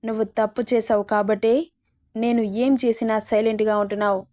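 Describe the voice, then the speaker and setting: A woman's voice: a little high, little pitch movement, fairly quick, a little mellow, lightly acted. A woman voicing an arrogant, cruel young husband who taunts and threatens his wife. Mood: menacing.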